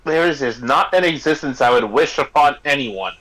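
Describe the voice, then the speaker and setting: A man's voice: mid-range voice, animated, normal speed, a bit bright, rough recording. A man streaming a game and giving casual, chatty commentary. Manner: chatty, conversational.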